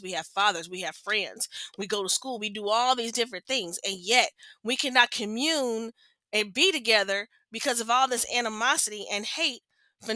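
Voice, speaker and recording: A woman's voice: a little high, pushed and bright, no echo, low-quality recording. A woman hosting her own podcast, giving an earnest, impassioned monologue of her opinions and repeating phrases for emphasis. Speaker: podcast host.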